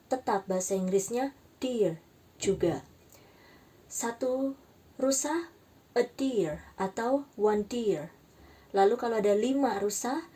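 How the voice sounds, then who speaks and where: A woman teaching an English grammar lesson, slowly spelling out letters and repeating each example word. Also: medium pitch, mellow, slightly rough, far from the mic. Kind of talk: slow, careful grammar lesson.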